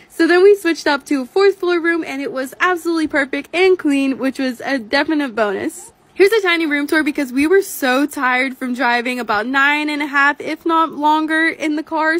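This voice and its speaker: A woman's voice: high voice, fairly bright tone. An eighteen-year-old woman narrating a vlog voice-over in a gushing, upbeat storytelling way. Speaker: vlogger.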